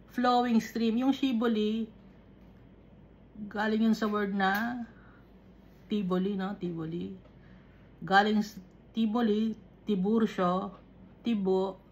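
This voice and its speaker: A woman gives a Taglish Bible study lesson, taking her time and frequently pausing to check that listeners are following. Her voice is mid-range and a little mellow.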